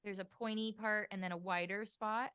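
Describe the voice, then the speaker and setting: A woman's voice: mid-range voice, steady tone, normal speed, a bit bright, clear, resonant tone, no echo. Chatty woman host, dry close sound. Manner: chatty, lots of "like", laughs easily. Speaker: podcast host. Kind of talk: casual podcast chat.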